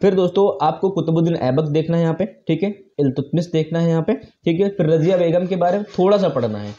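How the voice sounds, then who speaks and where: Fast-talking man teaching, dark lo-fi sound. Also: fairly high pitch. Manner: repeats "theek hai" constantly, asks and answers own questions. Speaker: exam-prep educator. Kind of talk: casual spoken exam-prep lesson. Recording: dull lo-fi recording.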